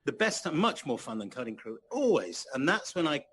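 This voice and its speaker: An English guest musician in his sixties tells animated, self-mocking stories during an anecdotal interview chat. His voice is fairly high with a breathy edge, at a moderate pace.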